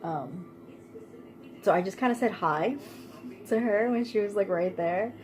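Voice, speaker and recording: A woman's voice: mid-range voice, a little slow, rough recording. A young woman vlogger telling a personal story in a casual, chatty way, laughing often and using lots of fillers.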